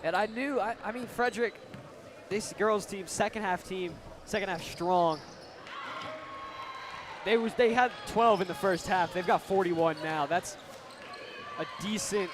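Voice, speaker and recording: Teen boy announcer, fairly high voice, excited play-by-play, noisy gym broadcast. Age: teens. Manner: excited, rises to loud calls at big moments. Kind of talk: sports commentary. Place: school gym.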